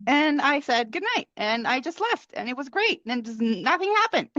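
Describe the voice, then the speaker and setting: A woman hosting a podcast in casual chat, who laughs often and grows animated when she retells stories. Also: high voice, normal speed, dry recording, highs cut off. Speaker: podcast host.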